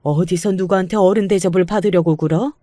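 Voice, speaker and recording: A woman's voice: fairly low pitch, steady tone, a little fast, warm tone, no room sound, studio quality, close to an everyday voice. A woman voicing a fierce, protective older mother in a radio-style story, with mocking, cutting retorts. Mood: scornful.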